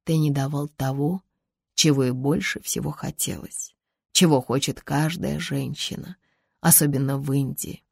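An audiobook narrator voicing a calm, gentle mother who speaks in a measured way. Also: medium pitch, gravelly, husky, no echo, clean studio sound.

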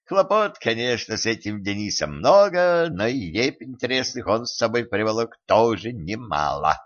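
A man voicing a calm male magister with a wry, smirking manner. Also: mid-range voice, normal speed. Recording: muffled lo-fi recording.

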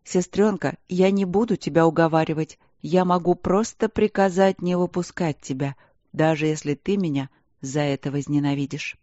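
A soft-spoken, worried queen, as a woman narrator plays her, gentle more than stern, with a dark, mellow tone. She talks low and warmly, her sadness close to the surface. A dry, somewhat dull audiobook recording. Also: moderate pace, no echo, lightly acted. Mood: firm. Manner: soft, anxious, firm then yielding. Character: gentle worried young queen, older sister.

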